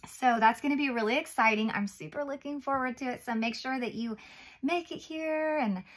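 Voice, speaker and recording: A woman in her thirties with a slightly high voice teaches a children's Bible lesson. She speaks in simple, encouraging phrases, as someone does when reading to a toddler. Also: moderate pace. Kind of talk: Bible lesson read and explained to young children. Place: small indoor room, seated at a table.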